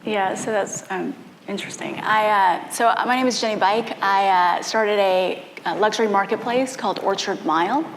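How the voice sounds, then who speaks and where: A woman with a medium-pitched voice speaks conversationally as a founder on a panel. The sound is very roomy, with some background noise. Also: moderate pace. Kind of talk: conversational company introduction. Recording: echoey room with background noise.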